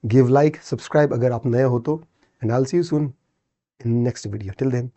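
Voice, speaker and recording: A man's voice: medium pitch, extremely slow, dark tone. A man with an Indian English accent teaching an exam-prep lesson, explaining step by step and often checking "theek hai".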